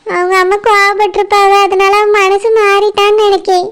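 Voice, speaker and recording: A humble, kind pregnant village woman from a cartoon, voiced by a woman, speaking with a Kanyakumari Tamil accent. She talks softly and modestly. Her voice is pitched very high. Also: flat delivery, moderate pace. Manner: soft, modest.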